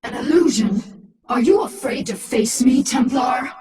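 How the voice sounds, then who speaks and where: A woman's voice: high-pitched, unhurried, warm tone, roomy sound, raised voice, far from the mic, a little hiss or hum. A woman voicing a haughty, menacing alien-infested warrior queen in a video game, imperious and taunting with theatrical delivery. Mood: scornful anger. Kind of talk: dramatic video game voice acting.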